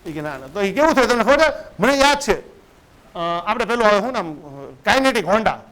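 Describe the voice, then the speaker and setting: A man's voice: sits high, very animated, fairly quick, fairly bright tone, rough recording. A man, giving a business coach's lecture and often asking his listeners "right?". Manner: conversational, keeps asking "right?" to check in.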